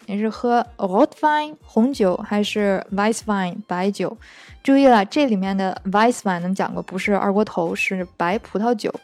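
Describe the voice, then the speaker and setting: A woman explains German phrases in a relaxed, chatty lesson. Her voice is warm and mellow, at an ordinary pitch. The recording is close and dry, with faint background music. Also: no room sound. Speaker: German language teacher.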